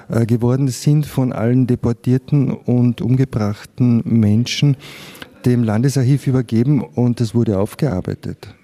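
An older Austrian physician with a Carinthian accent offers candid, reflective personal testimony in an interview. His voice is mid-range yet very dark and mellow, and he leans hard on certain words for emphasis.

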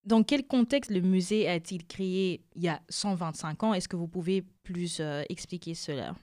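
A woman hosting an interview, asking measured questions. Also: on the low side, darkish tone.

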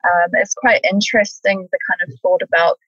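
A woman's voice: mid-range voice, fairly even intonation, moderate pace, fairly bright tone, breathy edge, dry recording, dull audio. A woman hosting an interview, asking questions in a friendly, affirming way. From outside the United States. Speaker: interview host. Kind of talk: conversational interview.

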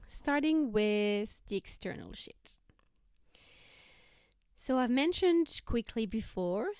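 A woman hosting a self-help podcast, talking conversationally in a measured, explanatory way. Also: mid-range voice, a little mellow, no echo, studio quality. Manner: measured, explanatory, listing examples. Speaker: podcast host.

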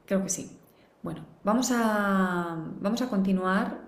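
A woman's voice: mid-range voice, unhurried, roomy sound. A woman teaching a live online parenting class, explaining and acting out quoted voices. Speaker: parenting educator.

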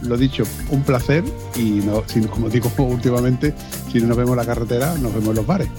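A man with an Andalusian accent and a mid-range voice talks briskly as a podcast co-host, with music in the background. The casual chat is full of joking, teasing banter and laughter.

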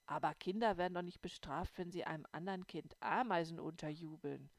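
Brief: comforting old granny next door in an audiobook, voiced by a woman reader, low, dry and close. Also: big pitch swings, moderate pace, creaky, no echo. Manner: warm, soothing, down-to-earth. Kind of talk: audiobook reading.

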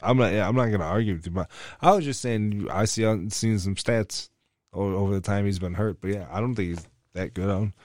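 A man's voice: lowish voice, a little fast, a little mellow, no room sound, studio quality. A man co-hosting a podcast, talking sports in a laid-back, profane way with frequent chuckles. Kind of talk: casual sports banter.

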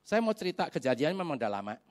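Animated man preaching a lively sermon. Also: fairly high pitch, fast. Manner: animated storytelling with sound effects; colloquial, asks the congregation for amens. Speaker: pastor.

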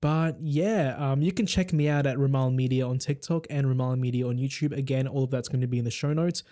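A man's voice: mid-range voice, fairly quick, dark tone. A young man hosting a casual tech podcast, rambling and joking with lots of fillers. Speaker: podcast host.

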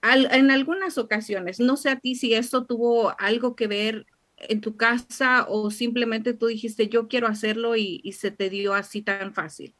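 A woman's voice: on the high side, fairly even intonation, moderate pace, fairly bright tone. A woman hosting a podcast interview, giving effusive, heartfelt introductions to her guest. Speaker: podcast host.

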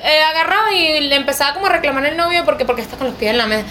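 A woman co-hosting a casual chat podcast, animated and acting out quoted voices. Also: high-pitched, rapid-fire, a little hiss or hum. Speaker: podcast co-host.

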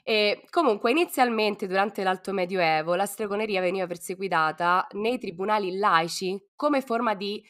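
A woman with a hoarse, cough-worn voice co-hosts a podcast, talking informally and playfully with plenty of slang. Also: mid-range voice, normal speed, hardly any pauses, fairly bright tone. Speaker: podcast co-host. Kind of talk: casual podcast talk.

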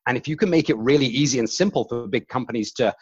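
A man's voice: medium pitch, fast talker, slightly rough, no room sound. Man in a dry, lo-fi recording. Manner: casual, self-deprecating, with fillers and restarts. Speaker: podcast guest, company chief executive. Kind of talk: conversational interview answers.

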